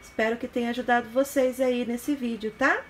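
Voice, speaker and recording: Woman teacher going over a lesson for little kids, kinda high voice, patient, keeps checking they follow. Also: steady tone, a little fast, a bit bright, slight background noise. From Brazil. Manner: patient, explaining step by step with frequent "né?" and "tá bom?". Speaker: primary school teacher. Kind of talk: recorded review lesson for young children.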